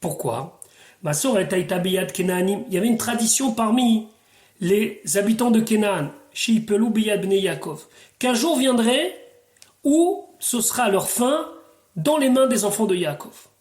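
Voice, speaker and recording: A man's voice: sits high, lively intonation, unhurried, a little mellow, roomy sound. A man, a rabbi, teaching the weekly Torah portion verse by verse, reading Hebrew phrases and then translating and explaining them.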